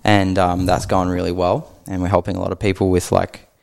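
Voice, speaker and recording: A laid-back Australian man chats as a podcast guest. His voice sits low and gravelly, and he swears freely. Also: level tone, fairly quick, a little mellow. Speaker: guest, gym co-founder. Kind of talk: casual podcast chat.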